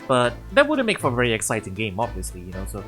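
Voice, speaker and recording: A man's voice: medium pitch, huge pitch swings, fast, music in the background. A man casually commentating a story game on stream, thinking aloud and often restarting his sentences. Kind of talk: casual let's-play commentary.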